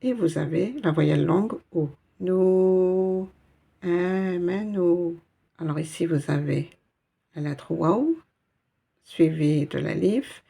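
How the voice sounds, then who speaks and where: A woman's voice: low-pitched, animated, a little slow, creaky, warm tone, husky. A woman teaching a step-by-step Arabic reading lesson in French, patient and explaining each letter and sound.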